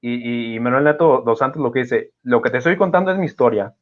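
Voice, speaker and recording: The muffled, dull lo-fi audio captures a man hosting a podcast conversation at a quick pace and medium pitch. He comes across as reflective, hesitating and restarting often with plenty of fillers.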